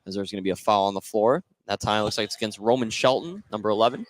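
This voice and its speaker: Rapid-fire and lowish in pitch, an American man delivers live radio play-by-play of a basketball game as it happens, speaking from an indoor gym mid-game.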